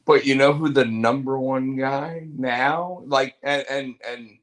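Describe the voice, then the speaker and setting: A man's voice: medium pitch, steady tone, slow pace, a bit bright. A man co-hosting a casual wrestling and TV recap podcast, laughing and building his points as he goes. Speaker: podcast co-host. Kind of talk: casual chat.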